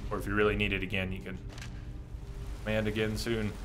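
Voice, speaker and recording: Chatting with his viewers between comments on the game, this thirty-something streamer muses in a casual way. He speaks a little fast, in a fairly low voice with little pitch movement. Game ambience plays clearly behind him.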